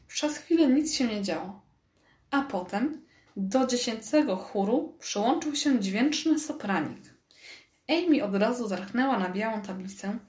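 A woman narrating a children's storybook in a lively, expressive reading, recorded with a roomy echo. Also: fairly high pitch. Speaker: audiobook narrator.

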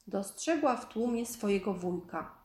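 A woman reading a children's story aloud in a calm, measured storytelling manner. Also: mid-range voice. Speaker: storybook narrator. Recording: echoey room.

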